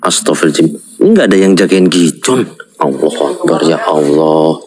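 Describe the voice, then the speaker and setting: Low voiced guy hosting a night horror vlog, keeps calling out to god, urgent. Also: fairly quick, a crowd in the background, rough recording. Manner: urgent, repeated religious exclamations. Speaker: horror vlog host, spiritual guide.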